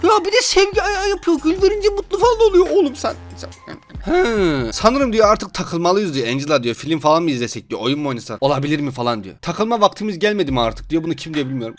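A young man giving excitable, joking commentary while playing a game, often laughing and exasperated. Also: fairly high pitch. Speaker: gaming YouTuber. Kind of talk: gameplay commentary. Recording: faint game music behind.

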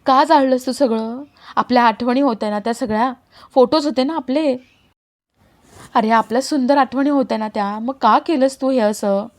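A woman's voice: sits high, moderate pace, close to an everyday voice. A woman reading a heartbroken, defiant young woman's lines in a serial recap, emotional and insistent. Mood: distraught. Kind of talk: dramatic read-aloud of serial dialogue.

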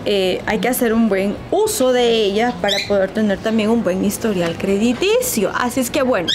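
On a noisy outdoor balcony overlooking hills, an animated woman business coach gives informal financial advice to the camera. She speaks at medium pitch and moderate pace, lively, with rhetorical questions and the formal "usted" address.

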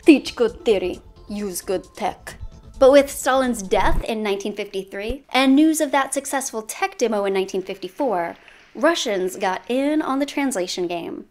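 A woman with a fairly high, very lively voice narrating a scripted explainer. She is playful and punchy, with quick jokey asides that poke fun at herself. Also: soft background music. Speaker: host of an educational video series.

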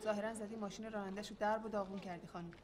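An actress playing a teasing, level-headed friend. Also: female voice, mid-range voice, natural voice. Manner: teasing, then calming.

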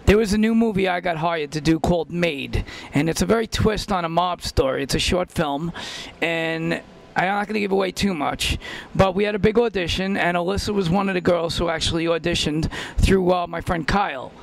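A middle-aged man holds a handheld mic at a red-carpet event and tells an upbeat, brisk story. His voice is unusually high with a gravelly grain. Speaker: talent agency host. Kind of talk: casual red-carpet introduction. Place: indoor event in front of a banner.

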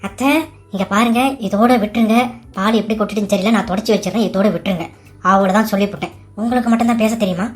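A woman's voice: mid-range voice, fairly even intonation, fast talker, soft background music, close to an everyday voice. A woman voicing a pleading young daughter-in-law. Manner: pleading, whiny, defensive. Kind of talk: cartoon voice acting.

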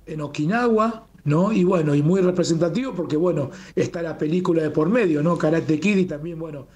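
A man's voice: a little high, a little fast. A man with a Rioplatense Spanish accent, guest in a radio interview, talking with enthusiasm and often adding a questioning "¿no?". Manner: warm, enthusiastic, fond of rhetorical "¿no?". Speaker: guest, communications manager of a Japanese garden.

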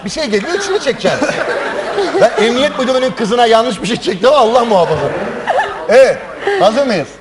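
A man's voice: very high-pitched, brisk, pauses often. A man hosting a live show with informal, teasing banter, joking with the participants. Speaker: show host. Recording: live show, music and crowd behind. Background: music and a lively crowd.

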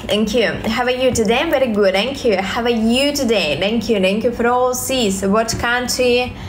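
A young woman from Russia with a Russian accent, livestreaming from her phone at home, reading viewer questions and answering in slow, halting English full of fillers and repeated thanks. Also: fairly high pitch, a little hiss or hum. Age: young adult. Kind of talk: live stream chat reading viewer comments. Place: home, indoors, small room. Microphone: phone at arm's length.

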